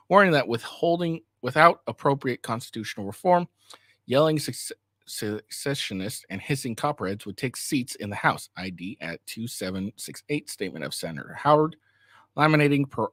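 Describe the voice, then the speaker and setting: Guy reading legal text out loud, dry close sound, trips over words and fixes them. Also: mid-range voice, no echo. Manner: halting, stumbles over words and corrects himself. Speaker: host reading a document aloud. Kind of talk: reading a legal ruling aloud with casual asides.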